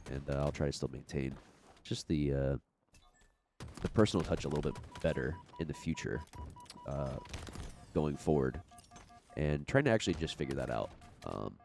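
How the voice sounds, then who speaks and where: Very deep congested man, rambling. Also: sing-song, moderate pace, creaky, long pauses, a little mellow, faint music behind. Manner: rambling, many fillers and restarts. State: congested from a cold. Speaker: gaming channel host. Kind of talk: unedited podcast-style chat.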